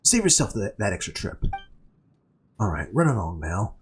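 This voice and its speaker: A man's voice: fairly low pitch, very animated, normal speed, slight background noise, voice pushed down. A man reading aloud the lines of a weary, bossy restaurant worker from a video game, in close to his own voice, with game music behind him. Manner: reads game dialogue aloud.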